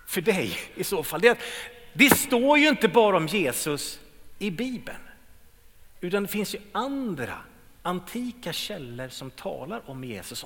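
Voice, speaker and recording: A middle-aged man preaching a sermon, swinging between loud emphatic lines and quiet low ones. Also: in a large hall.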